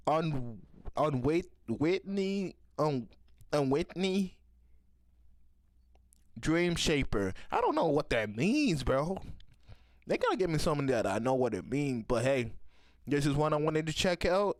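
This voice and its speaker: A man's voice: on the high side, dry recording. A man hosting a reaction video, talking casually in a rambling, joking, profane way.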